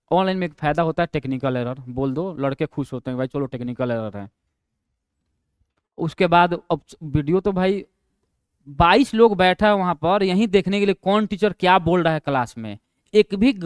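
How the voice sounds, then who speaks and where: A young male online teacher telling classroom stories in a casual, chatty way, laughing at his own tales and dropping low for quoted asides. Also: clear, resonant tone, no echo, studio quality. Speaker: online exam-prep teacher.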